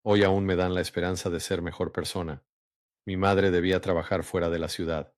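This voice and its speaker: A man hosting a religious channel, speaking in an unhurried, measured monologue with frequent hums and pauses, then reading a story aloud. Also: low-pitched, flat delivery, no echo, studio quality.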